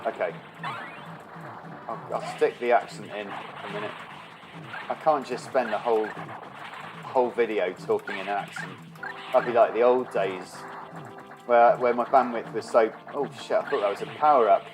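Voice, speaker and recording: A man's voice: medium pitch, moderate pace, pauses often, rough recording. A man streaming a game from his bedroom, chatting casually, swearing a lot and grumbling at the game. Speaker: gaming streamer. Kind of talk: casual gameplay commentary. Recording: game music playing underneath. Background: game music.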